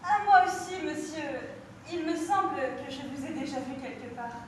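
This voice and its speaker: A woman's voice: sits high, moderate pace, slight background noise, close to an everyday voice. A teenage girl playing a prim English lady in an amateur stage performance, exclaiming with exaggerated surprise, heard from far off in an echoey hall. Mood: astonished. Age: teens.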